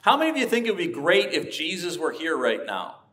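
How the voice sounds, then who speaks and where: A man's voice: a little high, huge pitch swings, a little fast, fairly bright tone. Earnest, emphatic male pastor preaching. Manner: earnest, emphatic, builds to passionate peaks. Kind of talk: sermon. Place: church sanctuary.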